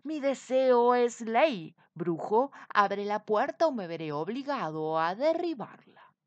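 A woman voicing a proud, demanding man king who shouts orders and complains of his pains. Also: on the high side, very animated, slow, no room sound, muffled recording, heavily acted. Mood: commanding. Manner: commanding, exclaiming.

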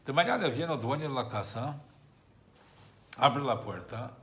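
Gravelly-voiced rabbi teaching. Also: male voice, mid-range voice, animated, unhurried, a bit bright. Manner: explains by repeating and rephrasing his points. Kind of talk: religious text class with storytelling.

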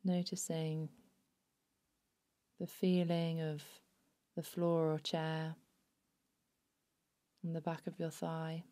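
A woman narrates a guided body scan meditation in a slightly low, very mellow, monotone voice. She goes very slowly and soothingly, letting her phrases fade into a hush, gentle and unhurried from start to finish.

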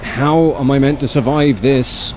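Game music and sound effects fill a noisy background as a man in his thirties streams from his indoor gaming setup. Close on the mic, his commentary is casual, exasperated and full of swearing, delivered in a mid-range voice at a slightly slow pace.

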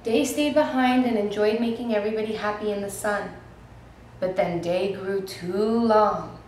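Woman teacher, gentle storybook read-aloud, talks to the kids; very echoey room, faint hiss. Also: mid-range voice, moderate pace. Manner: gentle, expressive, asks listeners questions. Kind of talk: children's picture book read-aloud.

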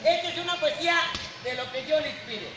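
A man's voice: extremely high pitch, fairly quick. A man with a Mexican accent performing as a silly clown, bossy and declamatory, in a street comedy show. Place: outdoor park amphitheatre. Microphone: far camera in the audience. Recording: distant, echoey, noisy outdoor crowd. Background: loud crowd.

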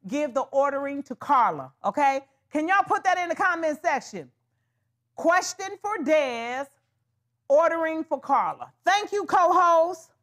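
A woman's voice: high-pitched, very animated, a little slow, fairly bright tone. A woman hosting a live wig sales show, talking casually to viewers, calling them honey and y'all as she pushes the deals. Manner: chatty, calls viewers honey and y'all, hard-selling. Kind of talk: live shopping stream chat.

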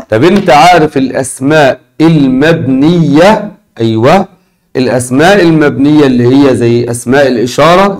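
A man with an Egyptian Arabic accent teaching a recorded lesson, repeating key words slowly and asking his students questions. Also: mid-range voice, darkish tone.

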